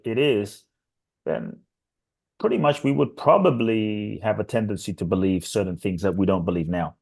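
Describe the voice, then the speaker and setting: A deep, slightly mellow male voice belongs to a transformational teacher being interviewed on a podcast. His reflective answers are earnest and gather force through repetition.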